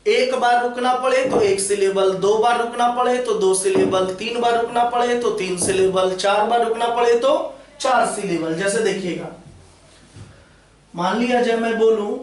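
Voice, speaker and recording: A man's voice: very high voice, normal speed, slight background noise. A man teaching English grammar in a lesson, repeating his points and often asking whether the students have understood. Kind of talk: classroom-style lesson explanation. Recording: very echoey room, voice far from mic.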